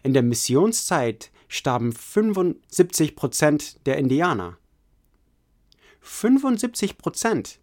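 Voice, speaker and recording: Man, history narrator, second-person storytelling, earnest, a bit high. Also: sing-song, slow, a little mellow. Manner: earnest storytelling, addresses listener as you.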